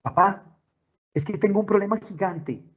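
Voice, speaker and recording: A man playing a plaintive little child, husky and raised high. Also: normal speed, dull audio. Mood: pleading. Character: young child complaining to a parent.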